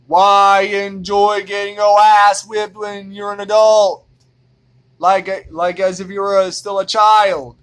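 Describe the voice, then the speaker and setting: A man's voice: sits high, a bit bright. A man from Indiana ranting in a vlog monologue, exasperated and profane, repeating himself as he goes. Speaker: vlogger.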